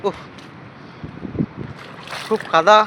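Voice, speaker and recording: A man vlogging casually by a muddy riverbank and on a boat, chatting to his viewers and calling out to passers-by, recorded on a handheld phone. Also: extremely slow. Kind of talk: casual walking vlog commentary. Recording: outdoor wind and boat noise.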